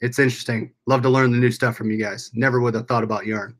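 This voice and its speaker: A man's voice: medium pitch, fairly even intonation, quick pace. Casual American man chatting on a livestream. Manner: rambling, reads and answers viewer comments aloud. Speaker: livestream host.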